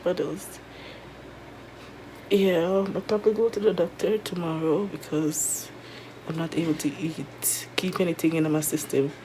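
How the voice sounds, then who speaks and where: A woman with a Jamaican accent chats casually to viewers in a halting, weary way, her throat sore and mouth dry after tonsil surgery. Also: fairly low pitch, steady tone, warm tone, slight background noise, poor audio. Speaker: vlogger. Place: resting at home in bed.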